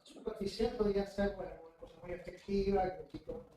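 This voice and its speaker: A woman's voice: mid-range voice, fairly even intonation, fast talker, dark tone. A woman asking probing questions from the audience at a seminar. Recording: distant, echoey audience mic with faint room noise.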